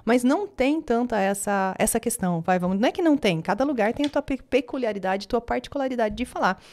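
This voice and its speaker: Mulher falando rápido, tom agudo. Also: female voice, a little high, animated, quick pace, darkish tone. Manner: chatty, many fillers and self-corrections. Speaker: English teacher. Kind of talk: casual online lesson.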